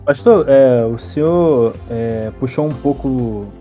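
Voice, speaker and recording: A man's voice: medium pitch, takes it slowly, phone-quality sound, music in the background. A man hosting a podcast, asking a question hesitantly and laughing at himself. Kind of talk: casual chat.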